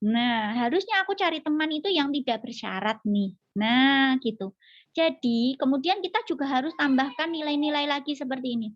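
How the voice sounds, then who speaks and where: Woman lecturer, high voice, parenting webinar talk, rhetorical questions, dry muffled call audio. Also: moderate pace, no room sound. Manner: acts out parent and child quotes in changing voices; asks rhetorical questions to the audience. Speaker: psychology lecturer, webinar speaker. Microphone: online video call.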